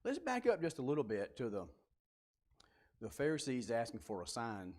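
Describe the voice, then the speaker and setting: Man leading a church class, casual and questioning, with a lively, rising-and-falling pitch at a middle register. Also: normal speed. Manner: animated, questioning, informal. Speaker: Bible class teacher. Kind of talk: conversational Bible class teaching. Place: church building.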